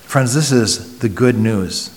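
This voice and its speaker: Slow, earnest preaching man in a reverberant hall. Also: medium pitch. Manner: earnest, swings from loud emphasis to hushed near-whisper; repeats words in restarts. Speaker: pastor. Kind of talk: sermon.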